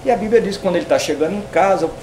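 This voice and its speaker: A man teaching a hermeneutics class, retelling a parable in an animated way and acting out the characters' lines. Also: high voice, very fast. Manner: animated storytelling, acts out dialogue with shifting voice. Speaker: Bible teacher. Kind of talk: informal theology class lecture. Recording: echoey room, voice from a distance, faint noise.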